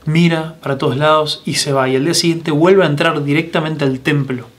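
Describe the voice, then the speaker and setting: A man with a Rioplatense Spanish accent delivers a sermon in a somewhat high voice. He is earnest and asks his listeners direct questions, with frequent restarts and fillers along the way. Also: fairly even intonation, brisk. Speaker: pastor. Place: church broadcast, recorded for online meeting.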